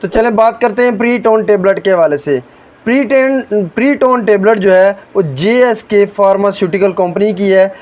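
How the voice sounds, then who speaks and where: A man with a notably high-pitched voice explains a medicine for his medical video channel. He talks in a steady, informational way, looping back to the same stock phrases and dropping filler words between points. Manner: formulaic, repetitive phrasing with frequent filler words.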